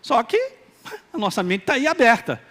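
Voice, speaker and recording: A male pastor with a Minas Gerais accent preaching a lively sermon and acting out quoted voices. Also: very high voice, normal speed. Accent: Minas Gerais Brazilian Portuguese. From Minas Gerais, Brazil. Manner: animated, acts out quoted voices, calls for responses.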